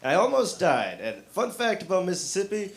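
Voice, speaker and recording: Comedian dude doing standup in a club, kinda high voice, lots of uh and like, noisy live recording. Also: male voice, big pitch swings, a little fast, creaky. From South Shore of Massachusetts. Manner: self-deprecating, filler-heavy delivery with acted quotes. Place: comedy club stage with audience.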